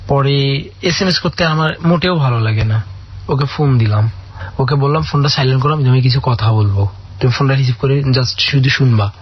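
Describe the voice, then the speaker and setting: A man phones in to a radio show and earnestly tells a long personal story packed with quoted dialogue. His voice is medium-pitched and husky, and he speaks briskly. The audio has the dull, lo-fi quality of a radio broadcast.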